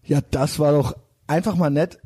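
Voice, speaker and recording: A man's voice: on the high side, steady tone, moderate pace, dark tone, breathy edge. A man casually telling a rambling, slangy anecdote full of fillers. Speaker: storyteller.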